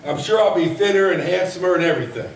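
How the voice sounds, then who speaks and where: A man in his forties preaching a sermon from a pulpit in a folksy, animated way that builds to a shout. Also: high voice, fast talker, creaky. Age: 40s. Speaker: pastor. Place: church sanctuary, at a pulpit. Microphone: far camera at the back of the room. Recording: echoey church from far off, faint hiss.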